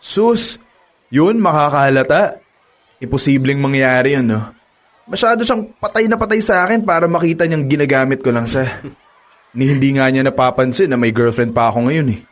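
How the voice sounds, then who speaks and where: Performing in a radio drama, a young adult man portrays a boastful college student who uses women, laughing smugly and full of cocky bravado. He speaks at a moderate pace in a mid-range voice close to his everyday one.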